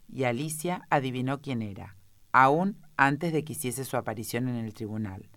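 A woman with an Argentine accent reading a storybook aloud in a measured way. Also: very deep voice, dry recording. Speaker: audiobook narrator. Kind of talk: scripted storybook narration.

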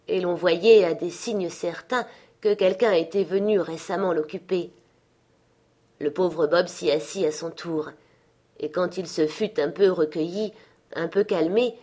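A woman reads a classic novel aloud in calm, measured audiobook narration. Her voice sits fairly low for a woman. She keeps a steady storybook pace throughout. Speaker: audiobook reader.

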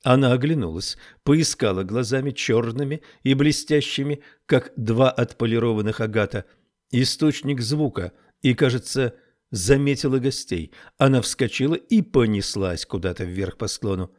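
Man, audiobook narration, measured reading, mid-pitched voice. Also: a little mellow. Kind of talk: scripted narration.

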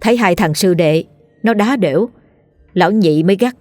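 A woman narrating a comic ghost story in a lively storytelling manner. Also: mid-range voice, normal speed, no echo, faint music behind. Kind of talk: dramatic storytelling.

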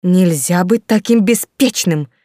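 Lady voicing a bossy scheming countess mom, hissy, low-ish voice, dry sound. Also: normal speed, darkish tone, no room sound, natural voice. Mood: domineering. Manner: hissing, commanding. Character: domineering scheming mother, older countess.

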